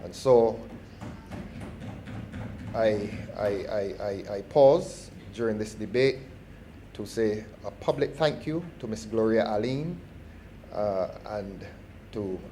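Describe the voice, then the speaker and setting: A middle-aged man with a Barbadian accent gives a formal parliamentary speech, measured and deliberate, often restarting his phrases. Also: fairly low pitch, mellow, slight background noise. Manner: measured and formal, with repeated false starts. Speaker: member of parliament.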